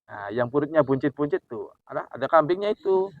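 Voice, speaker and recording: Animated man telling a sermon story. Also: medium pitch, no echo. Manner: animated, acts out dialogue. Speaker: Islamic preacher. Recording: dull, dry recording.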